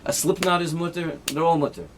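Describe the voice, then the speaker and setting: Over a noisy background, a male rabbi with a fairly high voice speaks a little fast. In his informal halacha class he demonstrates knots with his hands while explaining each step, mixing in Hebrew and Yiddish terms and checking with "right?"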